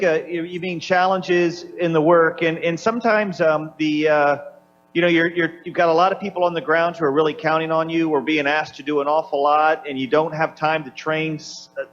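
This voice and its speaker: Aboard a space station, a man answers questions over a radio downlink in a highish, slightly bright voice. He's unscripted, searching for his words, and the slightly dull downlink carries a faint hum.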